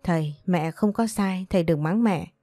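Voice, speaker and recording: Woman reading a calm, stubborn young son. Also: on the low side, moderate pace, dry recording, studio quality, lightly acted. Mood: firm. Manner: calm, firm.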